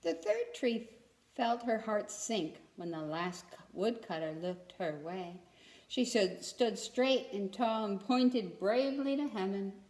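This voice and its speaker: A woman with a medium-pitched, slightly mellow voice reads a story to children with feeling. She pauses to check in with the little ones by asking questions, and her voice echoes around the room.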